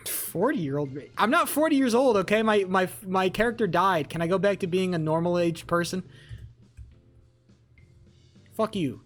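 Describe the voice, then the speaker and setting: A man's voice: high voice, animated, a little fast, a bit bright, faint music behind. Profane young man ranting at chat. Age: 20s. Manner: profane, rambling, talks back to chat. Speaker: streamer. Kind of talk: casual live-stream chat.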